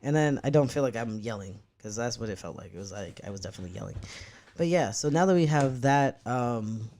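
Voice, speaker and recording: Talking a little fast with lively intonation, this young streamer rambles to his chat and curses freely as he tinkers with his gear. His voice sits at medium pitch, neither deep nor high, with a darkish tone.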